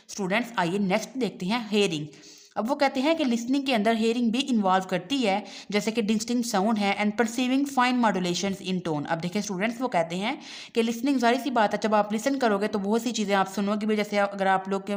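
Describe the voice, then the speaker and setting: Woman tutor, mid-pitched voice, slow textbook readings then chatty explanations. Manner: reads textbook lines slowly, then explains them conversationally; addresses the class directly as students. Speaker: teacher. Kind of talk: exam-prep lecture.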